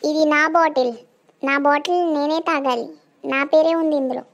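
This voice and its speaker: A woman plays a cheeky young cartoon boy with a squeaky, sky-high voice. He answers back to every grown-up who tells him what to do. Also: steady tone, normal speed, muffled recording. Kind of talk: cartoon voice acting.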